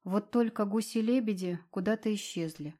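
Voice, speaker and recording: A woman narrating a fantasy novel chapter in a measured, expressive storytelling voice. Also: mid-range voice. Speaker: audiobook narrator. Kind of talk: scripted narration.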